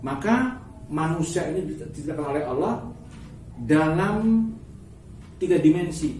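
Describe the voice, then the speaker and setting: A man's voice: fairly high pitch, warm tone. A man giving an explanatory religious talk in a didactic way, phrase by phrase. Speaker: interviewed religious teacher. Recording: echoey, noisy, distant mic.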